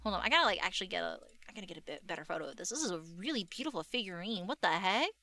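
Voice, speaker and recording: A woman chatting casually on a livestream in a cute, gushing anime-streamer way, with slangy, expressive exclamations. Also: on the low side, rapid-fire, vocal fry, dry recording. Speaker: VTuber artist and livestreamer.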